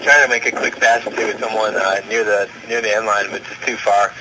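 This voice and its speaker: A man's voice: fairly low pitch, steady tone, a little fast. A man giving colour commentary during a live soccer broadcast. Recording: noisy radio-style broadcast.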